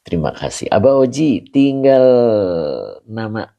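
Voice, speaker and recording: A man, an Islamic teacher greeting online viewers by name in a chatty way, often chuckling and clearing his throat. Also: mid-range voice, lively intonation, unhurried, warm tone. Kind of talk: greeting viewers of an online religious study session.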